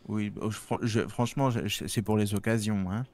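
A man playing a polite, fussy news director who talks in halting, hesitant bursts in casual role-play. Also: lowish voice, fairly even intonation, a little mellow, close to an everyday voice.

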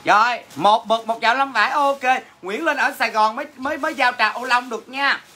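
This Southern Vietnamese-accented woman sells goods in a casual livestream chat, cracking crude, brash jokes at viewers as she responds to their comments. Her voice is fairly high, brisk, bright and forceful.

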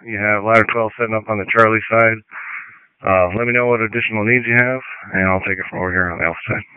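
A man commanding a fire scene in urgent firefighter radio traffic, briskly repeating messages back. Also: on the low side, fairly even intonation, smooth, dry recording. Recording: tinny narrowband two-way radio.

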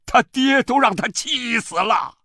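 Male reader as a furious old father-in-law, shouting, gravelly, dry close studio sound. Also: very high-pitched, expressive, unhurried, no echo, pitched above the performer's own voice, full character voice. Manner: barking, scornful insults. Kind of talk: audiobook character voice.

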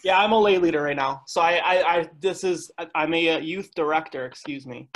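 A man's voice: fairly high pitch, a little fast, fairly bright tone. A man introducing himself on a video call, stumbling over his words. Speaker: lay youth leader. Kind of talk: casual self-introduction.

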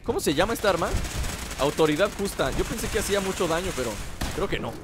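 A gaming host with a Mexican accent gives a casual let's play, rambling playfully to himself and his viewers as he plays. He speaks quickly in a high voice with lively intonation, and game sounds fill the background.

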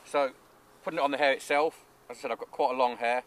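A man in his thirties, an angling coach, explaining his rig and bait step by step in a relaxed, practical way, recorded outdoors by a lake. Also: mid-range voice, fast talker, slight background noise. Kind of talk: instructional fishing talk. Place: outdoors at a lakeside fishery.

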